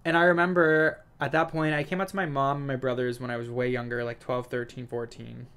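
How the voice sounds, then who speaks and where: A man's voice: mid-range voice, little pitch movement, fairly quick, fairly bright tone, smooth. A young man in his twenties talking casually and earnestly to his viewers, with lots of "like" as filler. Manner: earnest, affirming, heavy use of "like". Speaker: vlogger. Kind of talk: casual personal talk to viewers.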